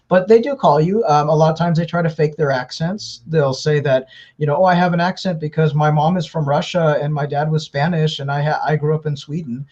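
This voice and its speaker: A scam baiter appears as an interview guest, talking casually and at length with fillers and restarts. His fairly high-pitched, darkish voice stays steady and brisk, with hardly any pauses, on dull lo-fi audio.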